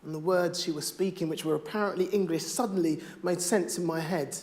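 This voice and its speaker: A middle-aged father speaking on stage, performing spoken word poetry with a rhythmic, rhymed delivery that swings from hushed to loud. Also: on the high side, fairly even intonation, fairly quick.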